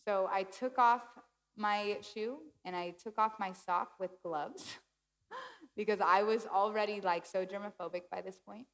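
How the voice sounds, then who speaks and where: A woman's voice: medium pitch, unhurried. Woman preaching in a reverberant church. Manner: animated, self-deprecating, laughs often. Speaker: guest speaker. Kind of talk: sermon with personal storytelling. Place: church sanctuary.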